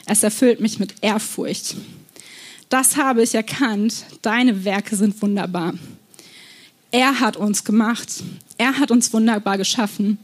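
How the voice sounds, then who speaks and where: A young woman giving an earnest sermon, telling personal stories and often pausing on fillers. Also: a little high. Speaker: preacher.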